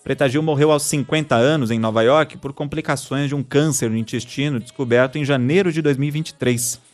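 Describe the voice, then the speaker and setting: A man's voice: mid-range voice, a little fast, soft background music. A man hosting a news podcast, reading stories and listener messages in a scripted style. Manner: reads listener messages aloud.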